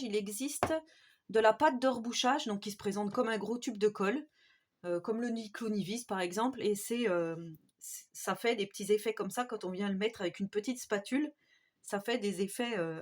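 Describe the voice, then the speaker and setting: A woman from Haute-Marne with a marked regional French accent, chatting hesitantly through a craft tutorial and often adding "hein". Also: medium pitch. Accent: Haute-Marne French with Swiss border touches. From Haute-Marne, France. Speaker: craft YouTuber. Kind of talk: casual DIY tutorial talk.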